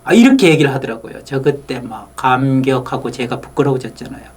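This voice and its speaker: A man in his fifties from Andong with a North Gyeongsang accent, giving a lively public lecture on anger and acting out the lines he quotes, with quiet whispered asides. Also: medium pitch, brisk, slightly rough. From Andong, South Korea. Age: 50s. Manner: animated storytelling, acts out quoted lines, drops into whispered asides.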